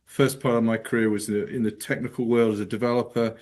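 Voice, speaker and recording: A man's voice: medium pitch, little pitch movement, darkish tone. A middle-aged man with an English accent, giving a casual presentation to a meeting over a video call and joking about himself. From England. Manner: casual, quick self-deprecating humor, frequent ums. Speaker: guest presenter.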